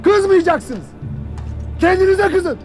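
A harsh, scolding army captain. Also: male voice, very high-pitched, animated, takes it slowly, faint music behind, exaggerated voice. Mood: berating. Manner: harsh, scolding, with sudden shouts. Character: stern male army captain, harsh and unforgiving. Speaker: army captain addressing his soldiers. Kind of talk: film drama acting.

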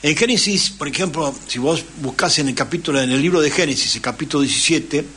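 A man's voice: a little high, fairly quick, a bit bright, slightly rough. A man with an Argentine accent, hosting a radio talk show and lecturing at length, often checking in with his listeners. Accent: Argentine Spanish. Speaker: radio host.

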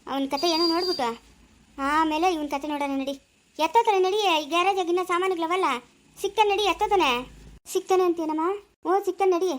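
Woman playing a wailing village mother. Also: very high voice. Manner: loud, wailing, scolding. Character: distraught village mother scolding her runaway son.

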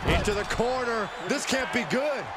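A man's voice: extremely high pitch, animated, moderate pace, very noisy. A man giving folksy, colorful remarks as a wrestling commentator in a video game.

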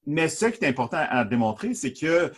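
A man in his forties from northern Alberta, a professor explaining his research in a measured way over a video call from his office. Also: a little high, very animated, husky. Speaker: professor, guest. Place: office with bookshelves, indoors. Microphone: video call webcam.

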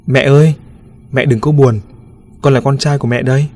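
A man voicing an eerie little ghost boy who speaks in a calm, gentle, knowing way, in a spoken ghost story. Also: mid-range voice, normal speed, soft background music, pitched above the performer's own voice, close to an everyday voice.

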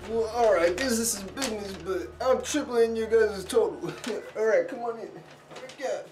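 A cranky, ditzy portrait photographer, played by a woman for a school comedy sketch, whining and exclaiming about her customers in a high, piping voice. She is heard from a distance in a roomy, echoing space. Music plays behind her. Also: moderate pace, background noise, natural voice. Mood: exasperated. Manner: whiny, keeps exclaiming "oh my God". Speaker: sketch actor.

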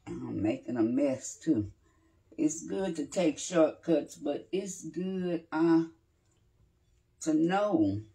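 In her indoor home kitchen, an older cooking-channel host gives a relaxed cooking demonstration, her extremely low, warm voice slow and chatty with pauses and fillers while she works. A phone camera on the counter a few feet away captures her.

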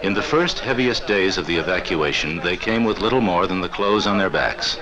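A man narrating an old 1960s newsreel in a measured, formal voice. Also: low-pitched, animated. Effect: old newsreel film soundtrack. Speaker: documentary narrator. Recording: noisy old film soundtrack.

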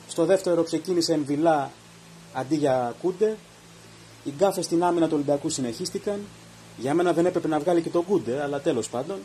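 In a low-quality recording with slight background noise, a man hosting a podcast walks through a football match minute by minute, offering strong opinions in a post-match monologue. His voice is on the high side and mellow.

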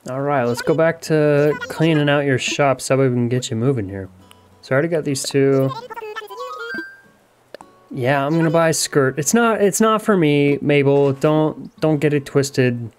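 A man's voice: mid-range voice, rough recording. A young man giving jokey, crude commentary while he plays a game and talks back to its characters. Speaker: gaming YouTuber. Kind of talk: casual gameplay commentary. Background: game music.

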